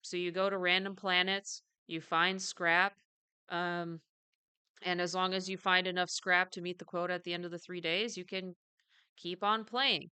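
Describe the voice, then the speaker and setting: A woman's voice: lowish voice, flat delivery, moderate pace, sharp tone, clear, resonant tone, no echo. A woman co-hosting a podcast, chatting casually with many fillers and restarts. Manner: chatty, lots of fillers and self-corrections; self-described jumpy. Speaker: podcast co-host.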